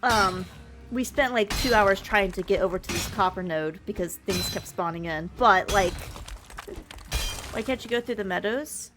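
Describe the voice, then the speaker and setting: A woman's voice: mid-range voice, normal speed, music in the background. A woman live streamer giving casual gaming commentary, chatting and thinking aloud with some mild swearing.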